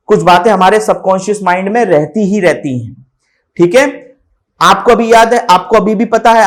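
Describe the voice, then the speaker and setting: High-voiced man teaching spoken English. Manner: repetitive, drilling pronunciation examples; checks in with "theek hai na?". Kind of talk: spoken English lesson in Hindi.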